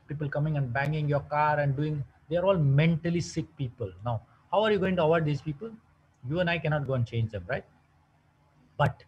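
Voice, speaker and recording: A man's voice: a little high, slight background noise. A man giving a motivational health talk, telling stories and asking lots of rhetorical questions. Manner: lively storytelling with frequent rhetorical questions. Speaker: wellness talk presenter. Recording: dull lo-fi sound.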